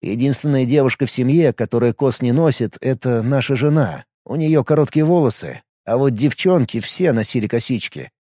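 Man narrating a novel in a dark voice. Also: medium pitch, animated, fairly quick, hardly any pauses, dry recording, studio quality. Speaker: audiobook narrator. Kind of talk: scripted narration.

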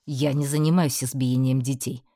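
Figure: woman doing a calm young male demon student. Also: a bass voice, moderate pace, no room sound, studio quality, pitched below the performer's own voice. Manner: calm and terse.

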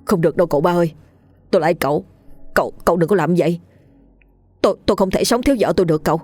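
A woman's voice: lowish voice, fast talker, a little mellow, faint music behind, close to an everyday voice. A woman voicing a poor, desperate young husband who stammers and pleads in a hurry. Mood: pleading.

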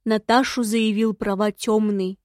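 A shaggy little male imp speaks in a quiet, guileless voice, as a woman reader plays him. He sounds like a simple-hearted helper who stays hushed. The sound is dry and close. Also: medium pitch, flat delivery, unhurried, dry recording, natural voice. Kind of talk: audiobook character reading.

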